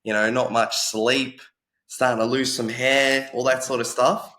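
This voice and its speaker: A man who coaches martial arts, co-hosting a podcast and chatting in a relaxed way, full of "like" and "yeah". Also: medium pitch, measured pace. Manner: relaxed, chatty, lots of "like" fillers. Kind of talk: casual podcast chat.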